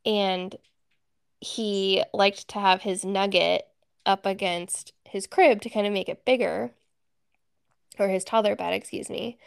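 A woman's voice: mid-range voice, steady tone, unhurried, creaky, clear, resonant tone, dry recording, studio quality. A young woman co-hosting a podcast, telling an emotional family story in a chatty way with frequent laughter. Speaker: podcast co-host. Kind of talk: casual chat.

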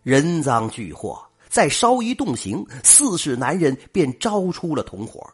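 An older man narrating a folk tale in a dramatic, lively manner. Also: fairly high pitch, unhurried, breathy edge. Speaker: storyteller.

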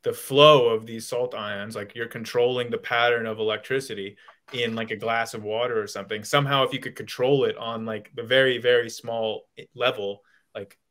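A man's voice: mid-range voice, fairly even intonation, normal speed, a bit bright. A male guest in a casual call-in debate, explaining his views with lots of hedging and restarts.

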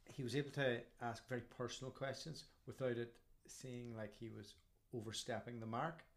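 A man's voice: mid-range voice, little pitch movement, moderate pace. A man with an Irish accent, hosting a podcast and interviewing in a casual, conversational way. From Ireland. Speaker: podcast host.

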